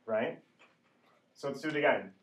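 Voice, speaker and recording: A man's voice: medium pitch, expressive, moderate pace, a bit bright. A man teaching an English pronunciation class, speaking instructionally, repeating sounds and often checking understanding with a short tag question. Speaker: ESL teacher. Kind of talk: classroom phonics lesson, slow drilling. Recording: echoey room, distant mic, background noise.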